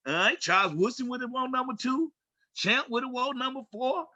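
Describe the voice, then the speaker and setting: A former player co-hosting a casual sports talk show tells stories emphatically in a very high voice, talking a little fast. He's an animated storyteller who acts out the quoted dialogue. The recording has no echo.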